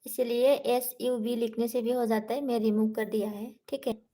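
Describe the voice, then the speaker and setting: A young woman hosting a casual live stream, reading out viewer comments and answering them in a soft voice while switching between languages. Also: a little high, level tone, normal speed. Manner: speaking softly, says she cannot talk louder.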